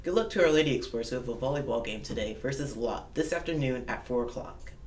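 A man's voice: medium pitch, expressive, quick pace. A man hosting school morning announcements over an intercom, reading formally with occasional restarts. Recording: echoey and distant with faint noise.

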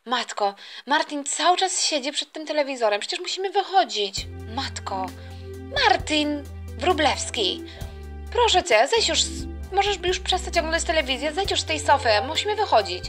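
A woman's voice: sits high, lively intonation, moderate pace, a bit bright, faint music behind. A woman voicing a harried mother who scolds her family to hurry up. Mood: exasperated. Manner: exasperated, scolding.

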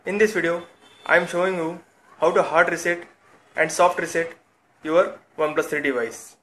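Tech tutorial host: man, slightly high voice, clipped step-by-step delivery. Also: steady tone, normal speed, a bit bright, a little hiss or hum. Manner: short step-by-step instructions. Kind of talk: phone tutorial voice-over.

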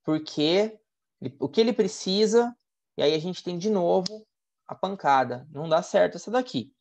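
His voice is animated and a bit mellow, with some creak, at an ordinary speed. Speaking English with a Brazilian Portuguese accent, he walks viewers through test strategies in a live web lesson, chatty and explanatory, often ending lines with "né?". The sound comes through muffled and lo-fi.

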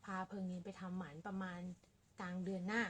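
Soft-spoken husky woman chatting. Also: mid-range voice, a little fast. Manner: speaks softly and quietly to avoid disturbing neighbours; rambling and relaxed with many fillers. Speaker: cat owner vlogger. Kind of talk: casual chat to camera. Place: small apartment room indoors.

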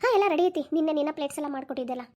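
A woman's voice: high-pitched, racing, a little mellow, lightly acted. A woman voicing a homesick, weepy young pregnant wife, in a Dharwad Kannada accent. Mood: worried. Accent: North Karnataka (Dharwad) Kannada. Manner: weepy, plaintive.

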